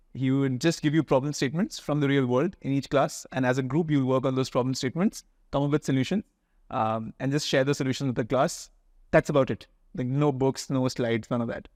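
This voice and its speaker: Male interview guest, polished educated Indian accent; informal explainer, mid pitch, very dry recording. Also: darkish tone, dry recording. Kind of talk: conversational interview answers.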